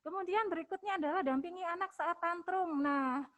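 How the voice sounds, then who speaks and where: A woman with an Indonesian accent and a high voice gives a webinar talk to parents. She speaks gently and coaxingly, often closing her phrases with a soft "ya". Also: a little fast. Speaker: hospital health educator.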